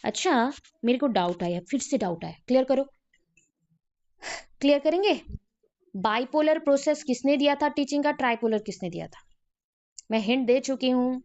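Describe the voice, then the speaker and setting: Woman teacher, high voice, lecturing a class, dull lo-fi recording, repeats names to drill them. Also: lively intonation, normal speed, long pauses, a little mellow.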